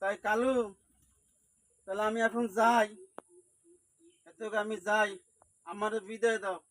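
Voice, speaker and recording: A man's voice: sits high, level tone, slow pace, poor audio. A man, tenderly and repetitively coaxing his animal before parting with it. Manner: soft, pleading and repetitive, coaxing. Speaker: livestock owner. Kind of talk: tender spoken farewell to an animal.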